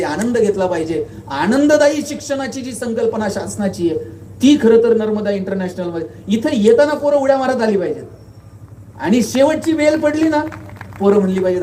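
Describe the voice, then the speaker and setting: High-voiced man giving an echoey hall speech. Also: warm tone. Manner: storytelling with rhetorical questions and humor. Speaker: guest speaker. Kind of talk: motivational public speech. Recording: echoey hall, voice from far off, faint noise.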